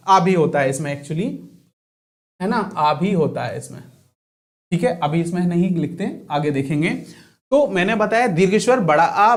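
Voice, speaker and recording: High-voiced man teaching, quizzing himself. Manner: asks questions and answers them himself, repeating key points; drills students with call-and-response questions. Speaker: Hindi teacher. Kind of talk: online exam-prep lecture.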